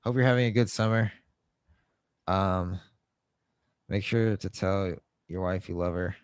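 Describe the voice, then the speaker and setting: A man co-hosting a podcast in casual joking chat, swearing often and breaking into loud mock outbursts. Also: low-pitched, a little slow, smooth, no echo, clean studio sound. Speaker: podcast co-host.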